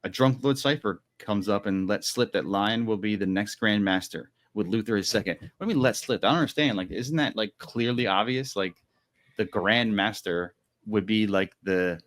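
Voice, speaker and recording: A man's voice: fairly low pitch, a bit bright. A man co-hosting a podcast, recapping a book in rambling casual chat full of "like" and "you know". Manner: rambling, many "like"s and "you know"s, quick acted quotes. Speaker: podcast co-host.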